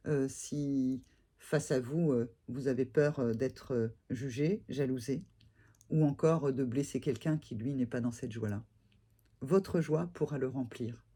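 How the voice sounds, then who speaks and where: Man, mellow husky voice, tarot reading, hesitant with many fillers, gentle advice. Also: mid-range voice, measured pace. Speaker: tarot reader.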